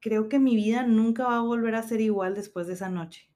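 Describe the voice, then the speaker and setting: A woman's voice: a little high, a little fast, mellow. A woman in her thirties with a Mexican accent, hosting a podcast and telling a story in casual chat, slangy and swearing freely while acting out quotes. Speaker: podcast host.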